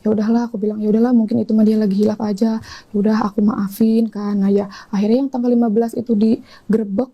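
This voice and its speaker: A woman's voice: medium pitch, little pitch movement, fast, dull audio. A woman, giving an emotional personal account as an interview guest and acting out quoted dialogue in rising, pleading tones.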